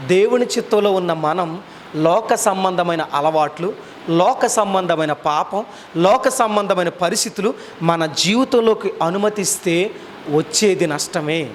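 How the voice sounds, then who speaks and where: Man, very high voice, preaching, questions the congregation, faint background noise. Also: unhurried. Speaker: pastor. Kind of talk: sermon.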